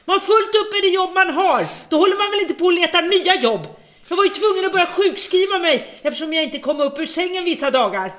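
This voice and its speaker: A woman's voice: very high voice, animated. An actress playing a worn-out middle-aged woman who has become a bitter, vengeful captor, speaking in a brooding, resentful monologue. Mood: bitter lament. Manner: bitter, brooding monologue turning to hushed menace. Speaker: embittered former home care worker holding a captive. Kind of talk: radio drama acting.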